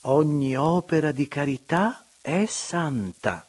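A man reading aloud, voicing an excitable, gushing noblewoman. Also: mid-range voice, unhurried, a little hiss or hum, voice pushed up. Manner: gushing, exclamatory.

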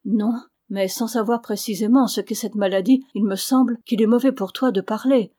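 A woman's voice: medium pitch, steady tone, normal speed, warm tone, lightly acted. A woman reading the lines of a tender, frightened young daughter who pleads with her sick father. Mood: worried.

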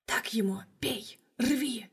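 A woman's voice: a little high, slow, breathy edge, full character voice. A woman voicing a sly, bloodthirsty inner demon in a hissing whisper, in an audiobook. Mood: gleeful.

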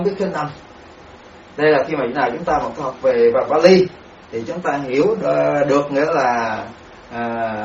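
A fairly high-voiced man giving a Buddhist dharma lecture, halting and repeating words as he sounds out syllables. He is heard from a distance in an echoey room, on a dull recording. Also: a little hiss or hum. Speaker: Buddhist monk teacher.

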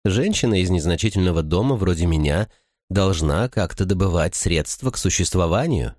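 A man's voice: deep voice, lively intonation, moderate pace, darkish tone, no room sound, clean studio sound. A man voicing a sly, smug noblewoman who gossips and schemes, talking condescendingly in an audiobook. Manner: chattering, condescending.

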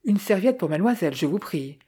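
A woman's voice: fairly low pitch, lively intonation, quick pace, mellow, breathy edge. A woman voicing a polite, joking young man in an audiobook, courteous and wry.

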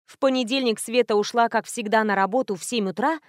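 A woman narrating an audiobook in a steady, even storytelling read. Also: fairly high pitch, quick pace, dry recording, clean studio sound. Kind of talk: scripted narration.

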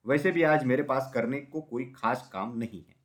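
A man's voice: medium pitch, moderate pace, natural voice. A man voicing a huge, boastful male hippopotamus in a children's storybook, scornful and threatening. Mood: haughty.

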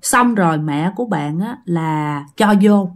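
A woman's voice: fairly low pitch, measured pace. A middle-aged woman with a Southern Vietnamese accent, telling a ghost story and talking straight to her listeners. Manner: animated, addresses listeners directly.

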